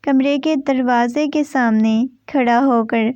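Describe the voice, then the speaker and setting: A woman reading a romance novel aloud as scripted narration, in a steady storytelling way. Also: fairly high pitch, slight background noise. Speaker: novel reader. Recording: dull, dry lo-fi recording.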